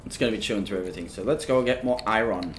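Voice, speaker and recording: A man's voice: on the low side, rapid-fire, a little hiss or hum. A man streaming a game, chatting in a laid-back, jokey way and laughing a lot. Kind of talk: casual gaming stream chat.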